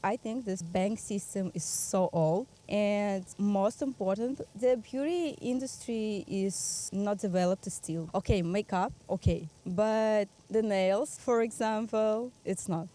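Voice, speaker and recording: A woman who is not a native English speaker answering a street interview in plain, halting English with "uh"s. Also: medium pitch, dark tone.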